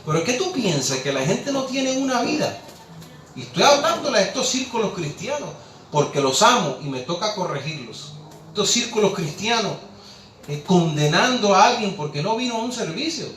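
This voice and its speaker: A man's voice: high-pitched, sing-song, normal speed, fairly bright tone, soft background music. A man preaching a sermon, impassioned, rhetorical and scolding. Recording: echoey room, distant mic, faint ambience.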